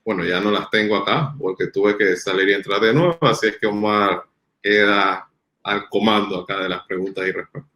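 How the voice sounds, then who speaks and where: Bright-voiced moderator heard from afar. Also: male voice, fairly low pitch, normal speed. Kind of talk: casual video-call chat. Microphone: video call.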